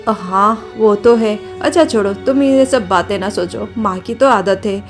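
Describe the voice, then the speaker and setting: A woman's voice: medium pitch, unhurried, soft background music, lightly acted. A woman voicing a friendly young husband in a cartoon story, talking upbeat. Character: cheerful young husband and son.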